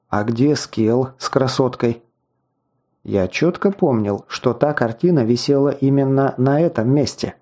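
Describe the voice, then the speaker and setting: A man narrating a fantasy novel in the first person, in an even, storytelling manner with wry asides. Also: medium pitch. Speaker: audiobook narrator.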